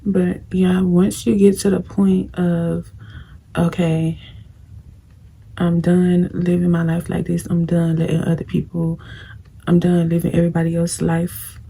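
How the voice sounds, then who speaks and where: A young woman does her makeup on camera in a casual get-ready-with-me advice chat, her lowish voice gravelly, scratchy, mellow, and husky, her delivery completely flat and unhurried. As a vlogger, she speaks bluntly and preachily straight to her viewers.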